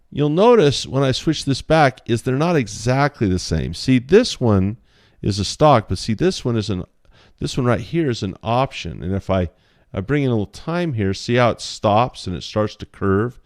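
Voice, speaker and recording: A man's voice: mid-range voice, no echo, clean studio sound. A man teaching options trading in a casual screen-share lesson, chatty and playful, thinking aloud while he draws on a chart.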